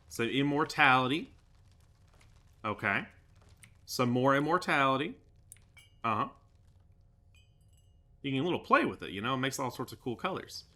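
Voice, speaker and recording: A gaming YouTuber with a fairly low, sharp-toned voice jokes his way through a sandbox game. His commentary is casual and sarcastic, packed with fillers.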